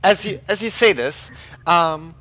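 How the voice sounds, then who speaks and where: Game master guy, bright voice, lots of ums, dull lo-fi mic sound. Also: a little high, lively intonation, measured pace. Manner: hesitant, trailing off, lots of fillers. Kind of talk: narrating a tabletop game.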